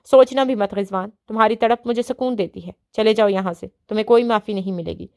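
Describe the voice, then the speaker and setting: A woman's voice: medium pitch, gravelly, darkish tone, close to an everyday voice. A woman voicing a wronged young wife who speaks in a cold, hard tone. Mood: bitter.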